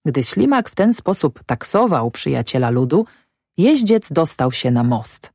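Low-voiced woman reading an audiobook, expressive and lively, dry close sound. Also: unhurried, slightly rough, no room sound. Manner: expressive storytelling. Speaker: audiobook narrator. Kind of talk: scripted narration of a classic novel.

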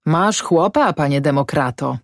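A woman's voice: low voice, animated, unhurried, no echo, full character voice. Brief: sly mocking landowner, woman audiobook reader, dry close voice. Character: sly condescending landowning gentleman. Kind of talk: audiobook character voice.

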